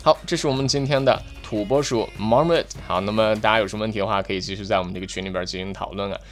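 A man with a somewhat low voice teaches English vocabulary on an audio show, spelling each word letter by letter and saying it again and again. A faint music bed plays under his explanations. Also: fairly even intonation. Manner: spells words letter by letter, repeats them slowly. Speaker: English teacher and podcast host. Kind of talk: podcast vocabulary lesson.

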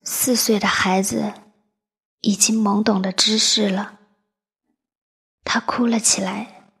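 Woman narrator, emotional first-person story; husky, gravelly tone, unhurried reading over soft music. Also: mid-range voice, flat delivery. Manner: soft, breathy, half-whispered delivery.

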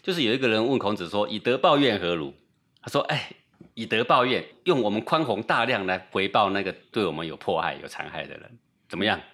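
A man's voice: fairly low pitch, expressive, a little fast, fairly bright tone. A man lecturing in dialogue, emphatic and rhetorical, often asking his listener if he is right. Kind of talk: lecture on Confucian ethics in dialogue.

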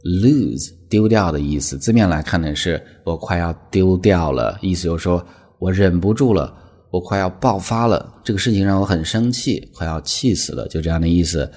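A man teaching English expressions in a measured, explanatory way, reading the example sentences slowly and clearly. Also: deep voice, darkish tone.

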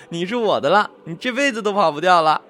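A man voicing a bold young bride in a storybook reading, speaking brashly and a little higher than his own voice. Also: animated, quick pace, sharp tone. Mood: gleeful. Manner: giddy, brash.

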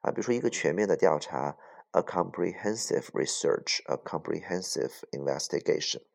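Low gravelly-voiced male English teacher. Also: expressive, moderate pace. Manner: spells words letter by letter, mixes in English; self-correcting, with many fillers. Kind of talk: vocabulary lesson.

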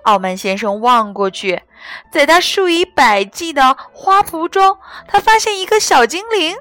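Slow, expressive woman storyteller. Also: high voice, dry recording, faint music behind. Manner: gentle and expressive. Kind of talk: children's story narration.

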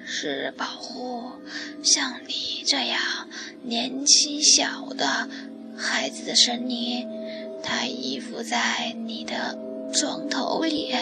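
A woman voicing a gentle, devout old village grandmother who speaks in a hushed whisper. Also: a little high, gravelly, heavily acted.

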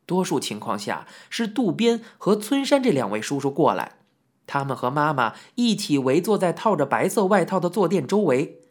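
Husky, lively-voiced audiobook narrator. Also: medium pitch, normal speed. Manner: warm, reminiscing storyteller with asides. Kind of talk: first-person storytelling narration.

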